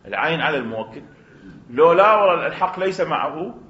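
Fast-talking Iraqi man lecturing a class. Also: on the high side. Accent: Iraqi Arabic. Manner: animated, fast, poses rhetorical questions and acts out dialogues. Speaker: teacher. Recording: roomy, dull recording.

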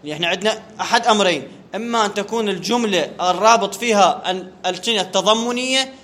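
Quick-paced, high-pitched and pushed, bright in tone, a male teacher lectures a class on Arabic grammar. He fires questions at the students, answers them himself and repeats the key terms.

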